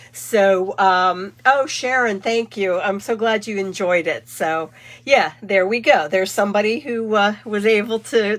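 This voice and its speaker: A middle-aged woman runs a casual live card-making demo for her channel, chatting, rambling and correcting herself as she goes while sounding stuffy from a cold. Her voice is medium-pitched and a bit bright.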